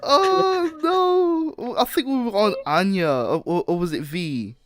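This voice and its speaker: A man's voice: sits high, lively intonation, unhurried, very noisy. A man hosting a casual podcast chat, rambling with repeated words and frequent laughs. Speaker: podcast host.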